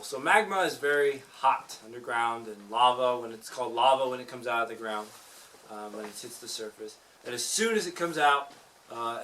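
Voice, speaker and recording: A man's voice: mid-range voice, bright, forceful tone. A man guiding a tour inside a cave, explaining things informally and putting questions to the group as his voice echoes. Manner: echoing cave guide, informal teacherly explaining; jokey asides. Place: inside a lava tube cave. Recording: echoey cave, distant mic, faint noise.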